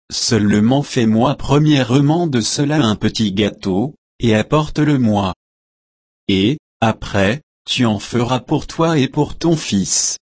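A man reading a Bible passage aloud in slow, measured short phrases. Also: medium pitch, a little mellow, no echo. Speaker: scripture reader.

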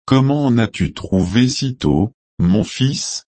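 A man voicing an old blind father giving his blessing, in a slow, solemn reading. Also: medium pitch, animated, mellow, no echo, pitched above the performer's own voice.

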